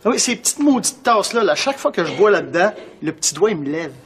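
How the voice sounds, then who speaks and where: A man's voice: high voice, sing-song, quick pace. An actor with a Quebec French accent playing a cocky, womanizing young bachelor with boastful banter. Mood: playful. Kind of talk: sitcom acting. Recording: loud background noise.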